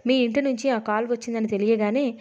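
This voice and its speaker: A woman's voice: on the high side, fast, highs cut off. A woman reading a detective novel aloud, steadily, in a storybook manner. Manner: steady storybook reading, dialogue read with little change of voice.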